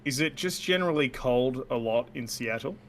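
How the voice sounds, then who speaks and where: A man with an Australian accent hosting a casual podcast chat, laid-back and quick to laugh. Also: mid-range voice, lively intonation, a little hiss or hum. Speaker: podcast host.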